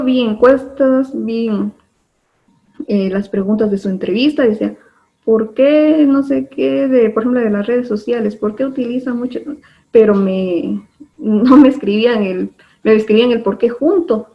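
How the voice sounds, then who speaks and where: Female teacher, patient and methodical, filler-heavy, slightly high voice, muffled video-call sound. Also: normal speed. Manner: patient, explains step by step with many fillers. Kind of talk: online class lesson. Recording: dull lo-fi online class audio.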